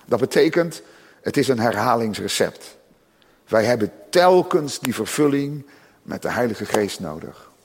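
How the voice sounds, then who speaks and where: A man preaching a sermon in a church, impassioned, rising loud and high on his points. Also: very animated, a little slow, a little hiss or hum. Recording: long reverb of a church hall.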